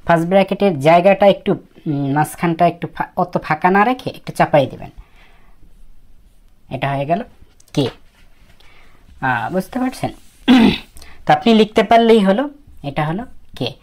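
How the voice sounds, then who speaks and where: A woman with a notably deep, low-pitched voice teaches how to write letters stroke by stroke. She talks in a casual, soft way, repeating each step and often letting her sentences fade out quietly. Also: lively intonation, moderate pace, long pauses. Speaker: Japanese language teacher. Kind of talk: casual spoken lesson.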